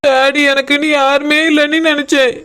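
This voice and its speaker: Cartoon young wife, voiced by a woman, meek and tearful, high and monotone. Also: normal speed. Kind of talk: cartoon voice acting.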